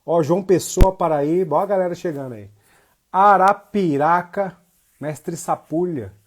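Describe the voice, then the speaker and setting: A man from Jacobina, Bahia, Brazil teaches capoeira in a casual livestream lesson, greeting viewers in his northeastern Brazilian accent. He has a high voice and a measured pace, and his informal, slangy delivery often repeats phrases for emphasis.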